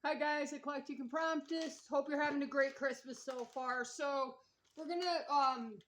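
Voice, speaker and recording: Woman filming herself cooking at home, kinda high voice, rambles and laughs a lot. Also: normal speed, a bit bright, poor audio. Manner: chatty, rambling, laughs often between remarks. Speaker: vlogger. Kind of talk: casual cooking vlog. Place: home kitchen.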